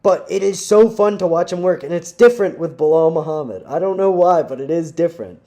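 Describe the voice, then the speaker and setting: An animated young man ranting on his video channel in loose, slangy talk, laughing between his points. His voice sits a little high for a man, with a mellow, soft tone. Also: a little fast. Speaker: vlogger. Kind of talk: casual rant.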